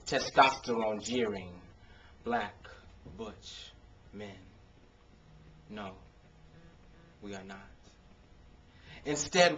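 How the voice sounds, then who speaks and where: An American man's mid-range, slightly bright voice carries a spoken word poetry reading with casual introductions and expressive, emphatic phrasing. It's recorded with a camcorder microphone, giving dull, noisy consumer-grade sound.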